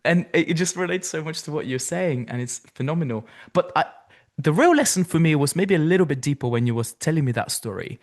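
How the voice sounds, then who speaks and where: Host asking questions. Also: male voice, fairly high pitch, animated, quick pace. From Bulgaria. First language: Bulgarian. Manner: reflective, asks probing questions. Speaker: podcast host. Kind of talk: interview conversation.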